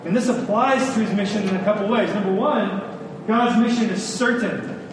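At a moderate pace, a man gives an emphatic, informal sermon to a congregation, repeating phrases for stress and making colloquial asides. The setting is a large room, captured with echo, a distant mic and faint rumbling noise.

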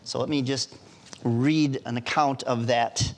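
A man preaching a sermon as a pastor in a church, deliberate and emphatic. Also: mid-range voice, steady tone.

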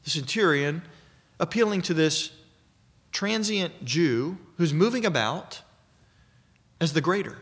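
Male preacher, slightly higher voice, measured emphatic sermon delivery. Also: lively intonation, a bit bright. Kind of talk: expository sermon.

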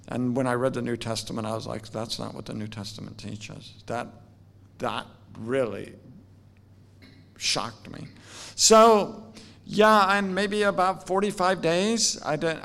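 A man in his sixties telling his personal faith story in a relaxed, conversational way, with many restarts. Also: medium pitch, vocal fry. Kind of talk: personal testimony talk.

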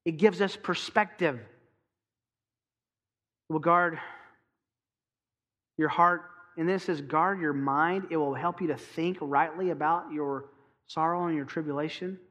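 High-voiced man preaching emphatically. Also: fairly even intonation, a bit bright. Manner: emphatic preaching with rhetorical questions and slowed key phrases. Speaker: pastor. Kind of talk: sermon.

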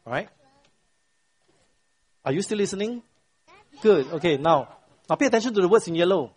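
Man, high voice, husky tone, middle-aged, Bible class teacher, quizzing students, "right?" tags. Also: moderate pace. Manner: quizzes the class, constant "right?" tag questions; retells the story with lively voiced quotes. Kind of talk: interactive Bible lesson to a class.

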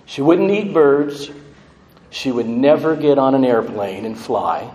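A middle-aged American man giving a tender eulogy for his mother, speaking in a measured, halting way with pauses. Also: mid-range voice, animated, a little mellow. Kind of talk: eulogy speech at a memorial service. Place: large echoing room at a funeral service. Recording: echoey hall, faint background noise.

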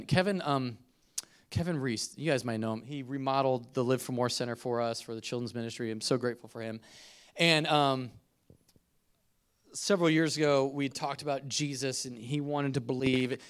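A middle-aged man preaching a conversational sermon, telling stories with laughs and swings from loud to soft. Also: medium pitch, normal speed, clean tone. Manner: conversational, animated storytelling with laughs. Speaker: pastor.

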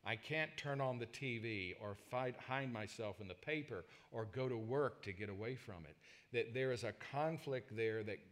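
A male pastor preaches from the pulpit in a mid-pitched voice, leaning hard into key words and then dropping low for quieter points. His sermon runs on personal stories told straight to the congregation. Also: normal speed. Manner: emphatic, swings from loud stresses to quiet asides.

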